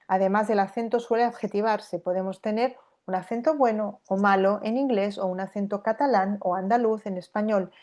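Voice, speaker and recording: A woman's voice: medium pitch, warm tone. A woman scholar giving an academic lecture, thinking aloud with fillers and restarts and often checking in with the audience. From Spain. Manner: thoughtful, with many fillers and restarts, asking "¿no?". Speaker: literature scholar giving a talk.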